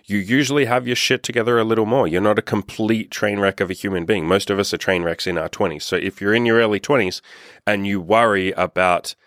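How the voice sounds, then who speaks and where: A man in his mid-thirties speaks in a deep, low register. He is a dating coach in a casual podcast monologue, candid and upbeat with plenty of swearing. The sound is dry and close, with no room echo. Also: steady tone, brisk, fairly bright tone. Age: 30s. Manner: candid, upbeat and heavily profane. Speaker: dating and self-improvement coach.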